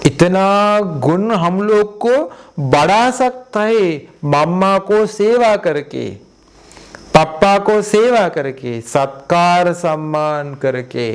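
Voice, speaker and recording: A Buddhist monk from Sri Lanka preaches, speaking very slowly with a smooth, resonant voice. He keeps his Hindi simple and repeats words to drive each point home. His voice sits a little high for a man. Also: expressive. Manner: simple non-native Hindi, repeating phrases for emphasis. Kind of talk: sermon.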